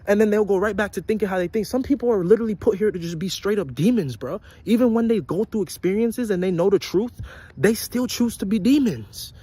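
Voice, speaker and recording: A young man with a high, husky voice delivers a casual motivational rant straight to his viewers. He talks bluntly and profanely, hammering the same points over and over like a street preacher. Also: lively intonation, a little fast, dark tone. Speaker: vlogger.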